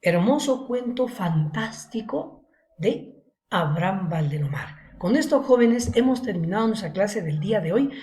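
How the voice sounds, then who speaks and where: A woman's voice: medium pitch, expressive, a little slow, mellow. A woman teaching an online literature class. She retells a story to her students and keeps checking in with them. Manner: checks in with students, frequent "¿no?" and "¿se acuerdan?" tags.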